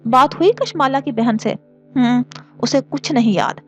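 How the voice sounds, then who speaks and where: A woman's voice: high-pitched, a little slow, soft background music. A woman voicing a mischievous young man who playfully teases his friend. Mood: teasing. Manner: teasing and playful.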